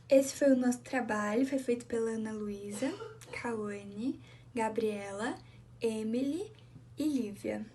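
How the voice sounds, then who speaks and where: A young woman opening a school presentation with slow, deliberate delivery. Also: a little high, mellow, slight background noise. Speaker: student presenter. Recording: distant from the mic.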